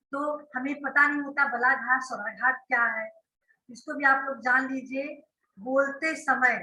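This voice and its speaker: A woman's voice: high voice, pushed and bright, roomy sound, a little hiss or hum, rough recording. A woman schoolteacher giving an online grammar class, explaining step by step and often checking that her students follow. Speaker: school teacher.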